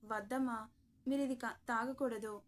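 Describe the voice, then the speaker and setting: A woman's voice: fairly high pitch, fairly even intonation, normal speed, close to an everyday voice. A woman voicing a flustered, fearful old male toddy tapper in a storybook reading.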